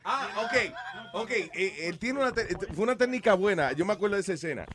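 Lively, animated man chatting casually. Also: high-pitched, fairly quick, background noise. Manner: animated, laughing, mixes in English phrases. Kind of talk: casual chat.

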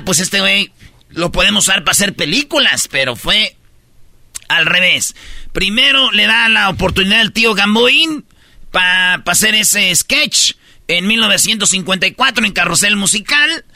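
Bright slangy Mexican radio host. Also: male voice, high voice, expressive, normal speed, vocal fry, no echo, studio quality. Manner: slangy, storytelling, rambling. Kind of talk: casual radio chat.

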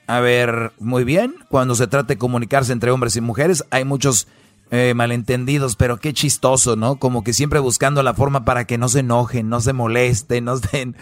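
A man's voice: medium pitch, steady tone, normal speed, no room sound. Crude, mocking Mexican male host. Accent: Mexican Spanish. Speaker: show host. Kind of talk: comedic commentary on a web article.

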